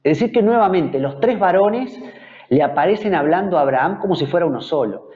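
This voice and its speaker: A man's voice: sits high, animated, a little fast, darkish tone. Rioplatense man teaching Bible lessons. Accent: Rioplatense Spanish. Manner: explanatory, repeats words while searching for the next. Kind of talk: Bible study lecture. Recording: dull lo-fi recording.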